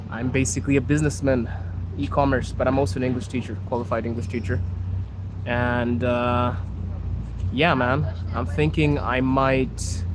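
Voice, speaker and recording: A man from Zimbabwe, a streamer and podcast host, talks in a mid-range voice during a walking live stream on city streets. He chats loosely and reads comments aloud, while traffic and street noise fill the noisy outdoor recording.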